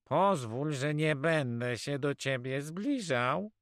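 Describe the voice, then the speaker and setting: A man's voice: lively intonation, takes it slowly, dry recording, studio quality. A man voicing a cautious, wry Catalan male companion who politely warns his friend in an audiobook. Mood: wry warning. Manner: high, polite and warning, calls him "kawalero". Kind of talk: audiobook character voice.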